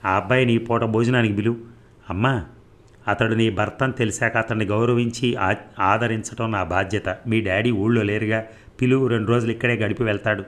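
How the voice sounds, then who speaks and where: A man voicing a gentle middle-aged mother in an audiobook reading of a novel. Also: on the low side, steady tone, fairly quick, natural voice.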